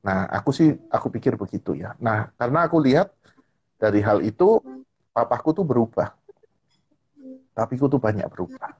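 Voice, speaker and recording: A man speaking as a guest on a live-stream chat, telling a personal story in an animated way and often repeating a filler tag. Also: medium pitch, normal speed, pauses often, breathy edge. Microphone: live-stream call. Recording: online live-stream audio.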